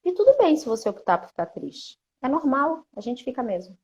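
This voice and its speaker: Uma psicóloga brasileira conversa de forma solta e falante, com a voz levemente alta. Ela dramatiza falas de mãe e criança no meio da explicação, numa transmissão ao vivo. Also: female voice, high-pitched, sing-song, a little fast, warm tone. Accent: Brazilian Portuguese. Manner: chatty, acts out parent-child dialogues. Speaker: psychologist and mentor. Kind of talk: live-stream talk on emotions.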